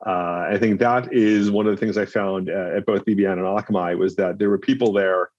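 A man's voice: on the low side, fairly even intonation, fairly quick, darkish tone, no room sound. A man as an interview guest, speaking thoughtfully and repeating words as he searches for them, on slightly dull remote audio. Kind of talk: casual conversational interview.

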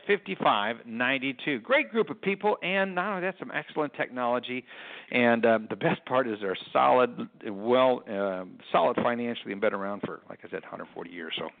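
Male radio host, chatty and rambling, recorded in an echoey conference room; gravelly, phone-thin sound. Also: mid-range voice, phone-quality sound. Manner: chatty, rambling with fillers and restarts. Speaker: podcast host. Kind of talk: casual radio talk with sponsor reads.

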